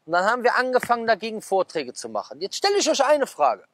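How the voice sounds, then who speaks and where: Seated outdoors at a garden table, a man in his thirties who preaches reads out magazine headlines casually, then breaks into rapid asides with gestures, throwing rhetorical questions at listeners. His pitch swoops wildly and runs high for a man, with a slightly bright tone; a clip-on mic records him close and dry.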